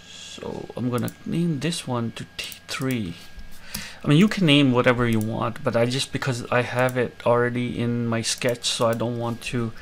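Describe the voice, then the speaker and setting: A man hosting a screen-recorded coding tutorial, explaining each step in a relaxed way with many fillers. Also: mid-range voice, normal speed, a little hiss or hum. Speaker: tutorial host.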